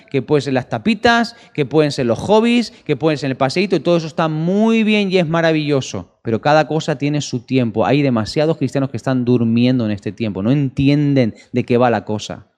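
Man, preacher, sermon, lively rising and falling pitch, long hall reverb. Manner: animated, with rhetorical questions to the audience.

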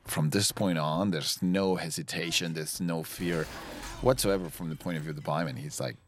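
Very deep-voiced man giving casual film commentary. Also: fairly even intonation, moderate pace, soft background music.

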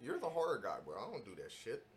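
A man with a mid-pitched voice hosts a casual gaming chat. He speaks in blunt bro slang with plenty of swearing, loose and conversational. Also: wildly swooping pitch, fast talker, husky. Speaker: podcast host.

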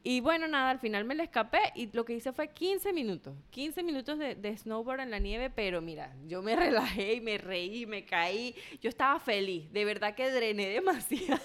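A woman's voice: a little high, normal speed, hardly any pauses. A woman, a mother telling a story in casual chat and acting out the quoted lines. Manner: animated retelling with quoted speech.

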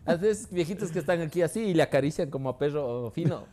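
Animated man telling stories. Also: fairly high pitch, fast. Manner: storytelling, swears freely, laughs often, says "loco". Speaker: podcast co-host. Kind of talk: casual comedic chat.

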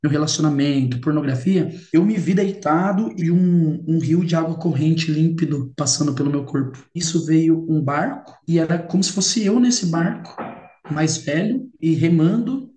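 A man's voice: fairly high pitch, moderate pace, dark tone. A Brazilian man telling his personal story as an interview guest, heartfelt and repeating words for emphasis. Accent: Brazilian Portuguese. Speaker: guest sharing his experience. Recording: roomy echo.

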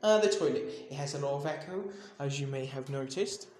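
A man's voice: medium pitch, brisk, a little mellow, a little hiss or hum. A young man hosting a podcast in loose, casual talk, recorded while walking through his home, with a strong bathroom and living room echo around his voice. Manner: loose, chatty, swears casually. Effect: echoey bathroom and living room echo. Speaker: podcast host. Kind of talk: casual rambling monologue.

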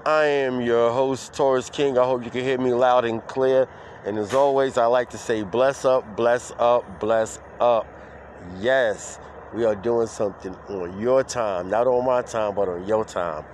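A man hosting his own podcast outdoors, playing a loud, upbeat morning-radio host who stretches out words and laughs. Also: medium pitch, fairly even intonation, slight background noise. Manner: hype-man energy, drawn-out shouted words, laughing. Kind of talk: playful mock morning-radio show. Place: outdoors in the street.

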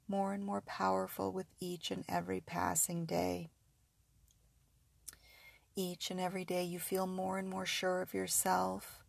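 Slow, creaky woman narrating sleep hypnosis. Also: on the low side, dry recording. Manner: soothing, repetitive, suggestive phrasing.

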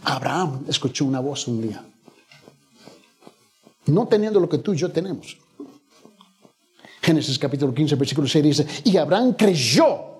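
A man's voice: a little high, expressive, normal speed, pauses often, darkish tone. A man preaching a sermon as pastor, telling a story with acted-out lines and building to emphatic peaks. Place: church.

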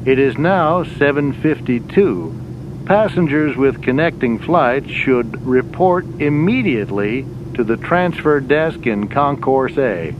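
A man playing an airline captain who reads cabin announcements over the aircraft intercom in a measured, deliberate way. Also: lively intonation. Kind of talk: scripted in-flight announcements for a language lesson. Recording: muffled lo-fi audio with engine rumble.

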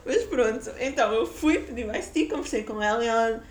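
A woman's voice: on the high side, sing-song, moderate pace. A young woman from Guarda with a Portuguese accent from that region, telling a casual personal story in a chatty way, laughing often and using many fillers. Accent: European Portuguese, Guarda region. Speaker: podcaster.

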